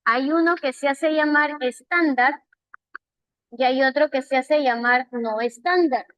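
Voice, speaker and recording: Speaking a little slowly, this warm Peruvian language teacher with a Peruvian Spanish accent leads a live online lesson and handles student chat questions. Her voice is high and bright; she peppers her speech with "right?" checks and praises students by name. It's recorded close and dry, with no echo.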